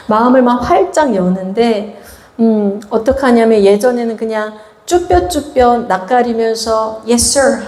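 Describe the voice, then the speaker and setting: A woman missionary giving a lively testimony, acting out quotes with a raised voice and laughter. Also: fairly high pitch, reverberant. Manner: animated storytelling, acts out quotes with raised voice and laughter. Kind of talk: testimony sermon.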